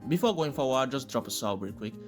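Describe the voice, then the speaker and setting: A man with a medium-pitched, expressive voice talks fast while hosting reaction commentary videos. His delivery is casual and joking, packed with slang, and loud music plays behind him.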